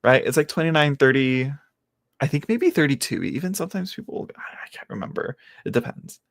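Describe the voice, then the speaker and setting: A man in his late twenties, a tarot reader, chats casually on a live stream, rambling, joking at his own expense, and restarting often. His medium-pitched voice is expressive, fairly quick, and creaky.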